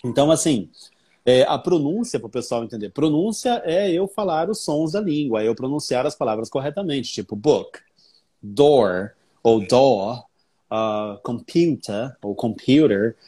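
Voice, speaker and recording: A man's voice: mid-range voice, animated, normal speed, warm tone, breathy edge. A man from Brazil, a guest English teacher, explaining patiently with many examples. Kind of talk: explanatory conversation.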